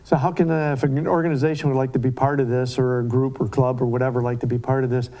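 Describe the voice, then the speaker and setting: A man's voice: medium pitch, little pitch movement, fast talker, mellow. A man interviewing someone casually, chatty and fond of tag questions.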